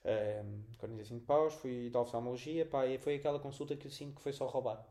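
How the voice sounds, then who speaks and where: Animated, foul-mouthed Portuguese man telling a story. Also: mid-range voice, fast. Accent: European Portuguese. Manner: animated, swears a lot, acts out scenes. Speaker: podcast co-host. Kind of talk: casual storytelling chat.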